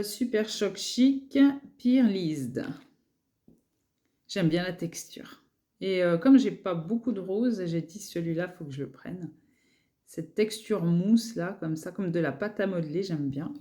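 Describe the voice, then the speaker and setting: A woman's voice: lowish voice, warm tone. A woman beauty vlogger chatting casually through her makeup collection, hesitant, with many fillers and repeated words.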